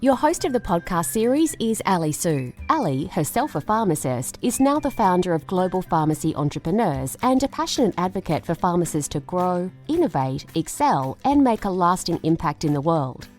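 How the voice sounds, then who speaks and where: A woman announcer reading a scripted show introduction in a lively, promotional way. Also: lowish voice, normal speed, hardly any pauses, soft background music.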